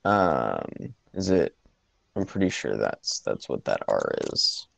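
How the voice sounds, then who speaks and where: A man's voice: rumbling low, very animated, slow, gravelly, a bit bright, no echo. A man co-hosting a casual movie podcast, talking in a hesitant way with lots of ums and restarts. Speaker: podcast co-host.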